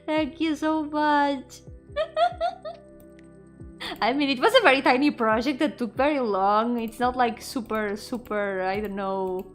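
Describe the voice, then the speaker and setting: A woman who is a VTuber streamer and indie game developer chats casually during an indoor solo livestream, effusive and giggly, often repeating words and trailing off. Her high voice is expressive and slow, with faint music behind it.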